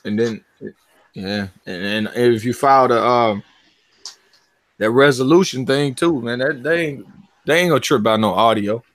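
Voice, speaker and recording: A man co-hosting a casual livestream chat about boxing, animated and profane, his voice jumping up when he gets excited. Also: medium pitch, moderate pace, long pauses, no room sound.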